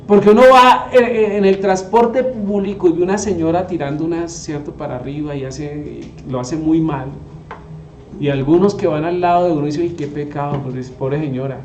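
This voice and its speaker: A man's voice: a little high, moderate pace, darkish tone, slight background noise. Man teaching the Bible in an echoey room. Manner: asks the audience rhetorical questions.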